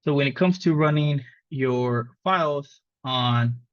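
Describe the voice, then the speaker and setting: A Mexican-born man whose native language is Spanish leads a live coding lesson at a slow pace, his medium-pitched voice casual and rambling with lots of fillers and restarts. The sound is dull and lo-fi, with no echo.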